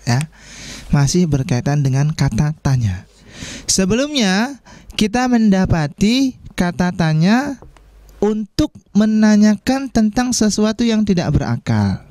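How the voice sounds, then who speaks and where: A man teaches an online Arabic lesson for beginners, his voice moving up and down as he encourages the class. His tone is mellow and dark. The sound is dry and close. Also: fairly high pitch, no echo. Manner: encouraging, frequent "ya" tags.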